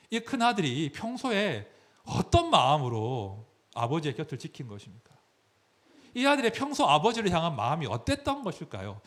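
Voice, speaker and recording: Animated male pastor preaching. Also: a little high. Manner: animated, explanatory, dramatizes scripture. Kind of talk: sermon.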